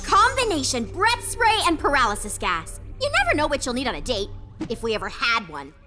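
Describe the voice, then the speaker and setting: Smug cartoon girl genius, high voice with wild pitch swings. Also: wildly swooping pitch, a little fast, loud music behind the voice. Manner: smug know-it-all. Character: nerdy genius teenage girl scientist, smug.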